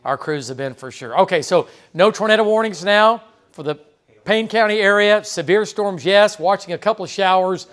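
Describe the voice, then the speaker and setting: A man broadcasting live tornado coverage from a TV weather studio, his voice a touch higher than most men's. He talks through the radar in a loose, conversational way, dropping fillers and quick "okay?" checks. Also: fairly bright tone. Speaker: TV meteorologist.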